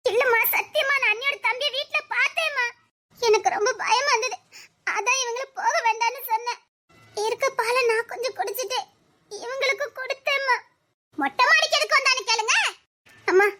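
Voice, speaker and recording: A woman's voice: very high-pitched, brisk, sharp tone. A woman voicing a frightened young heroine in a cartoon, pleading and close to tears. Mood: earnest. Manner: pleading, tearful. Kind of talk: cartoon voice acting.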